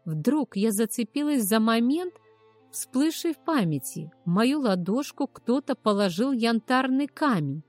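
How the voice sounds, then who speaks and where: A woman's voice: fairly high pitch, sing-song, a little slow, darkish tone, no echo, faint music behind. A woman narrating a first-person story expressively, rising on anxious questions. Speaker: audiobook narrator.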